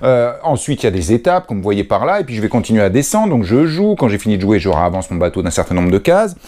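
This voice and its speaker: A man's voice: fairly low pitch, quick pace. A French man explaining a board game's rules in a chatty way, with many hesitations. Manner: chatty, lively, with frequent hesitations. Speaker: board game reviewer.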